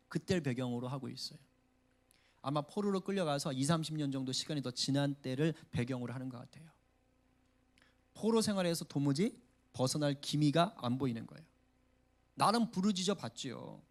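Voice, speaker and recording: A middle-aged male pastor delivering a sermon in a conversational style that swings from hushed asides to raised, emphatic exhortation. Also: fairly high pitch, animated, normal speed, pauses often. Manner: acts out quoted voices in a conversational preaching tone.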